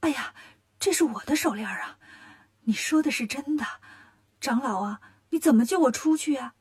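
A woman voicing a tearful, anxious captive queen in a children's storybook tale, soft and pleading. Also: high-pitched, expressive, moderate pace, breathy edge.

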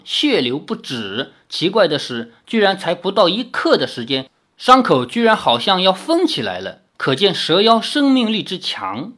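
A woman narrating a martial arts novel aloud in an expressive storytelling manner. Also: fairly low pitch. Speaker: audiobook narrator.

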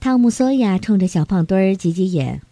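A woman narrating a bedtime story for children in a gentle, storytelling way. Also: mid-range voice, lively intonation, a little fast, no echo.

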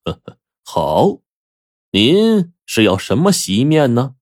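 A man storyteller voicing a cold, calculating male innkeeper who speaks slowly and coolly. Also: on the low side, big pitch swings, a little mellow, no room sound, clean studio sound, full character voice. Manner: slow, coldly measured.

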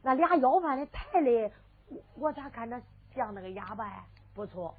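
A woman's voice: a little high, expressive, moderate pace, husky. A woman with a Henan accent voicing a timid, whining male inn servant who stammers and mumbles. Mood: grumbling. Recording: phone-like lo-fi with faint music.

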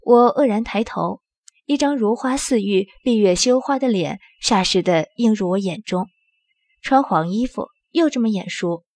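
A woman narrating an audio drama in the first person with a steady storytelling manner. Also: medium pitch, moderate pace, no echo.

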